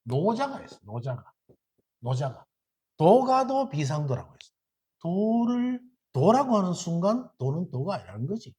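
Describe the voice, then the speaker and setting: A man with a Gyeongsang accent giving a Buddhist sermon in a dharma hall, lively and quizzing his listeners with rhetorical questions. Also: high-pitched, moderate pace, slightly rough. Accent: Gyeongsang Korean.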